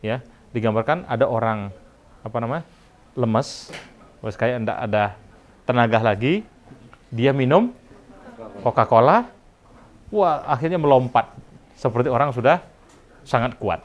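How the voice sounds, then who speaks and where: A man's voice: medium pitch, lively intonation, measured pace, pauses often, dull audio. A middle-aged man giving a chatty university lecture, slipping in English phrases and laughing at his own jokes. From Indonesia. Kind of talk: classroom lecture.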